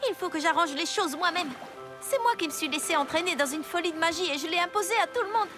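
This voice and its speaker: A woman voicing a cheerful, energetic young girl heroine in an animated series dub, bubbly and quick. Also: extremely high pitch. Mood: determined. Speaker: lead character. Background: music.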